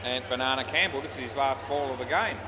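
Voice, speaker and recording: This Australian man's medium-pitched voice moves quickly as he makes umpire calls and offers laid-back, laconic, matey amateur commentary on indoor cricket. Bouncing balls and the noise of an indoor sports hall fill the recording.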